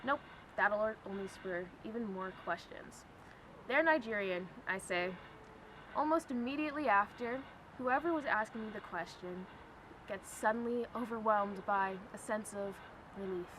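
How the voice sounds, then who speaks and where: A woman's voice: medium pitch, moderate pace, fairly bright tone, poor audio. Young woman narrating wryly over background noise. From Ireland. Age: young adult. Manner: wry, questioning. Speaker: student narrator. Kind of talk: scripted personal narration.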